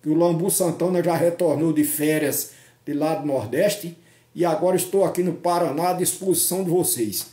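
In his casual political vlog, shot on a phone at arm's length along a tree-lined park road, an older Northeastern Brazilian man chats and mocks, finishing sentences with questions. His voice is a little high and mellow, at normal speed, in an echoey-sounding space.

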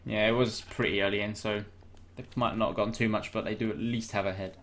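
A man's voice: on the low side, steady tone, fast, slight background noise. Casual young man, gaming voice chat. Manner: casual, swears freely. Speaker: gamer.

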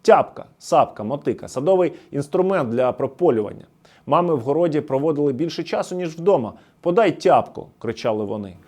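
A man's voice: on the high side, expressive, fairly quick, a little mellow. A man from the Luhansk region giving scripted documentary narration, storytelling nostalgically as he explains words one by one. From Luhansk region, Ukraine.

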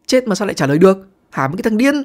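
A man doing an arrogant young boyfriend, snapping, insulting, high and shouty, storytelling role. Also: big pitch swings, rapid-fire. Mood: angry.

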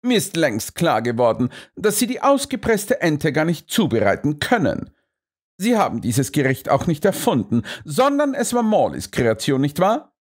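A man's voice: a little high, very animated, moderate pace, slightly rough, voice pushed up. A man reading an audiobook, voicing a shrewd Victorian detective who speaks in a polite, coolly precise and ironic way. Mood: coolly accusing. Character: shrewd male Victorian detective, calm and cutting.

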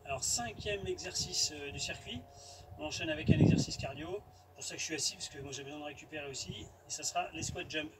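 Middle aged guy explaining a workout, bit high voice, casual, filmed outside with noisy sound. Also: lively intonation, fast. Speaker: fitness coach. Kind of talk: workout instruction, explaining and counting reps. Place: outdoor garden terrace. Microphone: distant camera. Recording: outdoors from far off, noisy.

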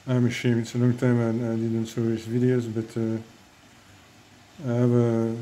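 A man's voice: medium pitch, monotone, moderate pace, mellow, slight background noise, rough recording. A man with a French accent talking casually about his fish breeding, hesitant and full of fillers and restarts. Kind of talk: casual hobby vlog.

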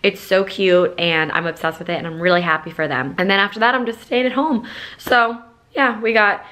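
An upbeat young woman in her twenties talks through her day in a casual vlog, chatty and friendly. Her voice sits at a middle pitch and still sounds slightly hoarse from recently losing it. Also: steady tone, brisk, fairly bright tone. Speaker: vlogger.

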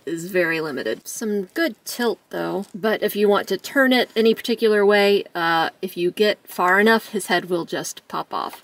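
A woman's voice: lowish voice, vocal fry, fairly bright tone, no echo, far from the mic. A woman reviewing toys in a chatty, jokey way, laughing often. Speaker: toy reviewer. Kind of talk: casual toy review.

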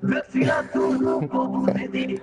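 A man's voice: a little slow, reverberant, loud music behind the voice. A man in casual chat with friends while gaming, talking through a robotic voice changer and announcing himself in a stiff robot persona. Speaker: gamer playing with friends.

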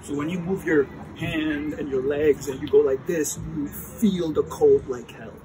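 A man's voice: a little high, steady tone, measured pace, music in the background, rough recording. A man in his thirties explains things casually and emphatically for a vlog while sitting in ice cold water outdoors, starting to shiver. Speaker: health vlogger. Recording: clear outdoor ambient noise.

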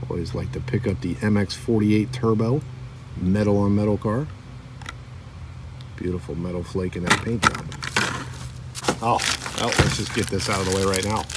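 A middle-aged man casually showing toy cars from his collection, chatting and reading the card backs aloud. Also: lowish voice. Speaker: diecast collector vlogger. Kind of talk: casual show-and-tell narration. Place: outdoor table by a lake on a windy day. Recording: distant mic with wind noise.

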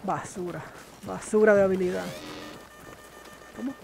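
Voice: mid-range voice, unhurried, vocal fry, over music. A gamer giving live commentary while playing a shooter, talking to themself and breaking into frustrated exclamations. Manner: excitable, talks to self, exclaims in frustration. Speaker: gamer streaming a shooter game. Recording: gameplay noise mixed under voice. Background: gunfire and game sounds.

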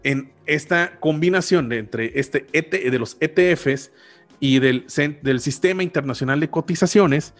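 Soft music plays behind a podcast host in his thirties who has a Mexican accent and a slightly high voice. He explains finance in a casual, unhurried way, often correcting himself. He's close on a large studio microphone on a boom arm.

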